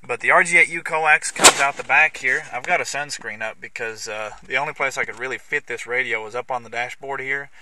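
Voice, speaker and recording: A man hosts a how-to video on installing a CB radio, walking through it in a casual, hands-on way with somewhat halting, hesitant phrasing. His voice is medium-pitched, recorded on a handheld camera's built-in microphone, so the audio is clicky and carries background noise.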